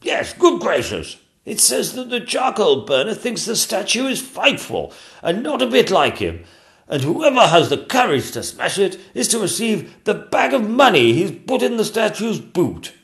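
A man's voice: high voice, very animated, moderate pace, vocal fry, a bit bright, pitched above the performer's own voice, exaggerated voice. Man doing a pompous, fussy old king.

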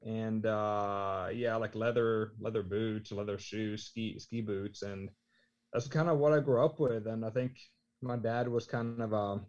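A man in his thirties from Norway, a podcast guest chatting casually, talking in halting phrases with many fillers. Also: fairly low pitch, steady tone, a little mellow. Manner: halting, lots of fillers and restarts. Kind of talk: casual chat. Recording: slightly dull lo-fi sound.

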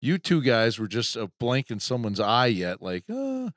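A man's voice: lowish voice, moderate pace, a bit bright, no room sound, studio quality. An older man from the United States, cutting in with stories and friendly ribbing in a casual chat. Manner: interjecting, ribbing storyteller. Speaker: guest.

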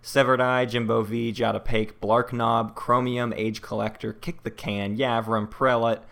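A man's voice: medium pitch, flat delivery, gravelly, fairly bright tone. A man co-hosting a casual board game podcast, talking things through in a chatty, analytical way. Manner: chatty, analytical, quick to laugh. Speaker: podcast co-host.

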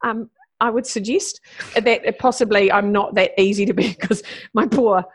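A woman's voice: mid-range voice, steady tone, normal speed, a little hiss or hum. A woman in her fifties, talking as a guest in a casual interview, blunt and brash, swearing freely and laughing often. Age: 50s. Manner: driven and brash.

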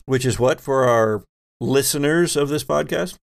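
A game master and podcast host runs a tabletop roleplaying game, talking conversationally and steering players with questions. His mid-range voice is creaky and his pace measured.

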